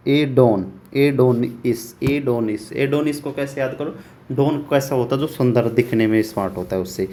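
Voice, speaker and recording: Man teaching vocabulary slowly. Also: mid-range voice, mellow. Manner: repeats words slowly, asks rhetorical questions. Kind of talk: exam-prep vocabulary lesson.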